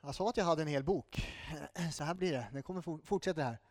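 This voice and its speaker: A male pastor preaching a sermon in a church in a lively way, breaking off for quick asides and apologies. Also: on the high side, no room sound, clean studio sound.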